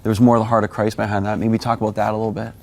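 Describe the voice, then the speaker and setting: Guy hosting an interview, mellow voice, keen and encouraging, kinda rambly. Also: fairly low pitch, level tone, racing, gravelly, slight background noise. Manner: eager, affirming, talks in loose restarts. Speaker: interview host. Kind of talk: studio interview.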